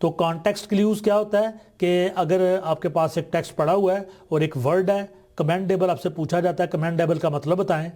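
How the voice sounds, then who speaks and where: A man with a Pakistani accent teaching a textbook exercise, reading English sentences slowly and deliberately. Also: fairly high pitch, warm tone.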